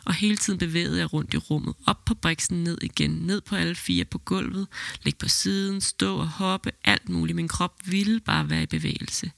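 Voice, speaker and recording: Reading a birth story steadily and evenly before talking it through, this woman is a midwife and podcast host. She speaks on the low side with a creaky quality, and the recording is dry.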